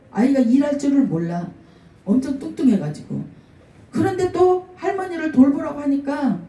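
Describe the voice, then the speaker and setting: A middle-aged woman pastor preaching a sermon, telling stories about people she met and acting out their quoted words. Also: high voice. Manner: storytelling with lively acted-out quotes. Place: church sanctuary. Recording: echoey room, mic at a distance.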